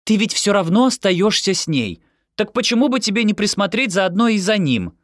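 A man's voice: high voice, very animated, normal speed, no room sound, clean studio sound, pitched above the performer's own voice. A man reading an audiobook, voicing a cheerful, pushy young mother in a raised, sing-song voice. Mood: coaxing. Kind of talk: audiobook character voice.

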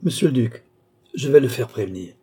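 A man's voice: mid-range voice, animated, fairly quick, dark tone, breathy edge. A man voicing a young maid in an audiobook, pleading and protesting, coaxing at times. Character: young maid, flustered, coy, cunning. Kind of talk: audiobook reading.

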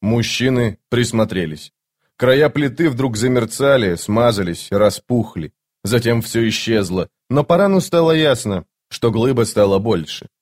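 A man narrating a fantasy audiobook in a measured, steady way. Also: mid-range voice.

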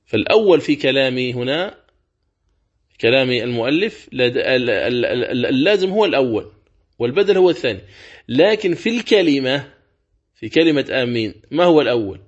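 A man teaching the rules of Quran recitation in a religious lesson, speaking slowly and deliberately and repeating key words. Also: mid-range voice, lively intonation, dull audio.

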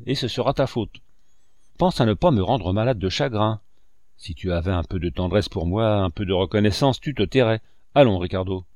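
A man's voice: lowish voice, darkish tone, dry recording, studio quality, natural voice. A man voicing a cruel, oily middle-aged padrone who speaks in a sugary, mock-tender way.

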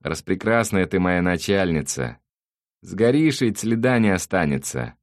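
A man's voice: deep voice, expressive, measured pace, no room sound, clean studio sound, voice pushed up. A man reading an audiobook, voicing a coarse, bossy male thug who swears and barks orders. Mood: gloating.

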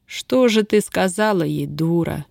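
Женщина читает реплики сердитой, резкой на язык молодой крестьянки, ругающейся простонародной речью. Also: female voice, medium pitch, lively intonation, unhurried, no room sound, clean studio sound, close to an everyday voice. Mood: scolding. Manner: gruff, scolding, folk speech. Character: grim, sharp-tongued young peasant woman, bound.

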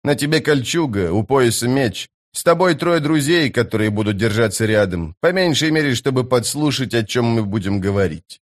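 A man voicing a cold, hard assassin who speaks low, quiet and clipped. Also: expressive, normal speed, few pauses, natural voice.

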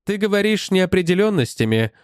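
An old rusty robot speaks in a raised, lively voice, as a male narrator puts it on for an audiobook. It explains things in an even, steady flow, and its pitch keeps climbing. The recording is dry and close. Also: a little fast, no echo. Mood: sharp.

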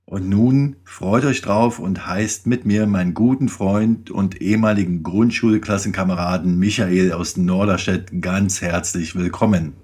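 A man's voice: low-pitched, steady tone, measured pace, hardly any pauses, darkish tone, husky. A man in his forties hosting a podcast, reading a formal introduction with a wry touch, then interviewing a guest. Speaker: podcast host.

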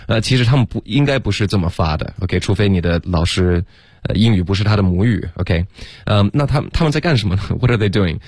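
A man's voice: lowish voice, animated, quick pace, darkish tone, no echo, studio quality. A man teaching pronunciation on a radio lesson, explaining patiently and switching between English and Chinese. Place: radio studio.

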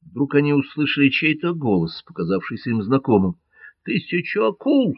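A man reading an adventure audiobook in a measured, dramatic way. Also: medium pitch, lively intonation, slightly rough, dry recording, dull audio. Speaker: narrator. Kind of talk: audiobook narration.

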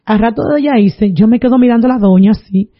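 A woman's voice: fairly high pitch, fast. A woman telling her religious testimony in an earnest storytelling manner, with preaching asides. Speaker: testimony giver. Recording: dull lo-fi recording.

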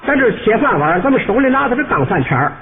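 A man playing a brash, rude male shop clerk, talking in a scornful, sharp-tongued way in a comic monologue. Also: very high voice, big pitch swings, very fast, full character voice. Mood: boastful. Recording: tinny old radio recording with faint hiss.

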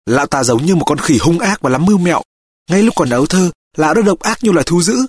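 A man's voice: high-pitched, expressive, fast talker, husky, dry recording, studio quality, pitched above the performer's own voice. A man reading an audiobook, voicing a bitter, fierce older mother in a raised, indignant voice.

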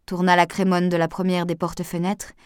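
Audiobook narrator, woman, lower voice, measured expressive reading, dry. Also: smooth, no room sound.

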